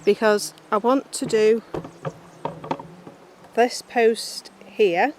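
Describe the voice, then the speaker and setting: A woman with a Scouse accent talks viewers through a job in her rural garden, chatty and blunt, with a self-mocking streak. Her voice sits a little high. The outdoor recording carries loud background noise from the farm and the sky. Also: fairly even intonation, drawn-out words. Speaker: vlogger. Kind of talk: casual how-to narration. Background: cows and a passing plane.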